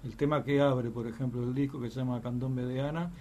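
Guitarist, earnest storyteller. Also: male voice, mid-range voice, fairly even intonation, a little fast, mellow, slight background noise. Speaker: guitarist and composer. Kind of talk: radio interview, recounting.

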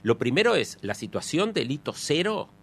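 A man's voice: a little high, very animated, normal speed, a bit bright. A man with a Uruguayan accent, answering interview questions at length with many restarts and fillers. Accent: Uruguayan Spanish. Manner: hesitant restarts, explanatory.

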